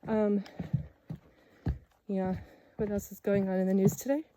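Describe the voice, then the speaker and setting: A woman's voice: medium pitch, little pitch movement, measured pace, mellow. A young woman vlogger chatting casually while walking a forest trail, rambling with self-mocking asides. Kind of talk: casual chat while hiking.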